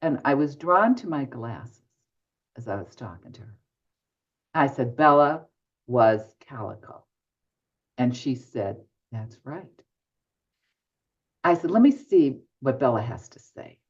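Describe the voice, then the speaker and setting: On a podcast interview, an older woman who works as a medium recounts stories, acting out every person in each exchange. She has a very deep voice with lively intonation, speaking slowly and pausing often. Audio quality is muffled and lo-fi.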